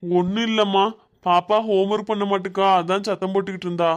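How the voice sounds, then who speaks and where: A woman voicing a mild, peace-making father in a cartoon, calm and placating. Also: medium pitch, fast, natural voice. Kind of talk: cartoon voice acting.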